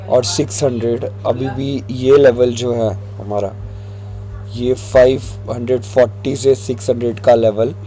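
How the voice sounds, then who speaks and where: A stock market analyst with a hoarse throat and medium pitch guides viewers through chart levels in a relaxed tutorial, mixing in English phrases. The recording is rough.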